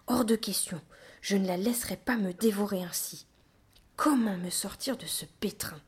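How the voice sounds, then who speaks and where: A woman reading a first-person children's novel aloud, hushed and tense, often dropping near a whisper. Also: mid-range voice, slightly rough. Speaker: audiobook narrator. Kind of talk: scripted first-person narration.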